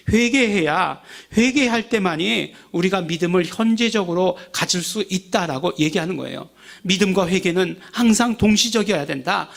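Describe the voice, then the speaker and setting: Gravelly high-voiced male pastor preaching. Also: a bit bright. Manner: conversational preaching with rhetorical questions and frequent "예?"; acts out everyday grumbling in quoted asides. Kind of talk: sermon.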